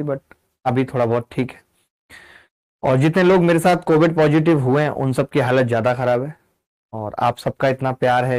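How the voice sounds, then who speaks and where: A man who teaches maths, talking to students in a live online class in a loud, scolding, preachy way. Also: fairly high pitch. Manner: speaks loudly to be heard.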